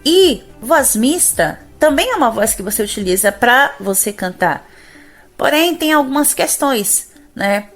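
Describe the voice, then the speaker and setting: A woman's voice: on the high side, big pitch swings, measured pace, soft background music. A woman with a Brazilian Portuguese accent, a singing teacher explaining vocal registers step by step, often ending phrases with "né?" and singing brief demonstrations.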